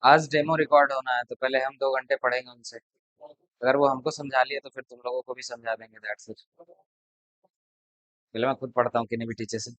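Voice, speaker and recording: Male coaching tutor, mid-pitched, blunt and chatty with students, dry close sound. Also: flat delivery, brisk, long pauses, fairly bright tone, dry recording, poor audio. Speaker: math tutor. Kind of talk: casual classroom talk to students.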